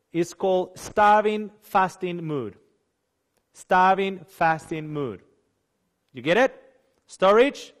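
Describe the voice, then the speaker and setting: Guy with a spanish-speaking accent, kinda high voice, lecturing on nutrition, throws questions at the crowd, keeps tripping over words. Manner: animated, questions the audience, acts out quoted people; slips and restarts words. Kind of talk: seminar lecture.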